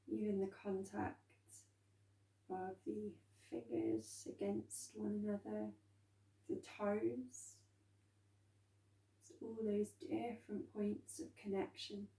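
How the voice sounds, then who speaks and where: A woman instructor leading a calm grounding meditation, speaking gently and unhurriedly with soft pauses. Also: medium pitch. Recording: roomy echo, distant from microphone.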